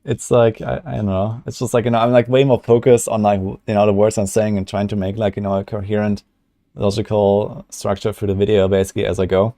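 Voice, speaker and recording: A man's voice: fairly low pitch, little pitch movement, a little fast, mellow, dry recording, clean studio sound. A young man streaming casually, rambling with lots of fillers as he reacts to game patch notes. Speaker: gaming streamer. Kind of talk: casual livestream commentary.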